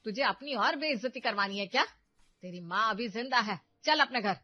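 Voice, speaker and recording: A woman's voice: mid-range voice, normal speed, no echo, lo-fi sound, close to an everyday voice. Woman voicing a bossy scheming mother. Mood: domineering. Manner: loud, domineering, scolding.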